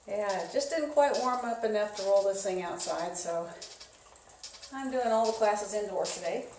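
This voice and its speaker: A woman instructing an indoor spin class in a casual, conversational coaching style, giving gently encouraging cues. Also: medium pitch, normal speed. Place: indoors, echoey room. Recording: echoey room, distant mic, clear noise.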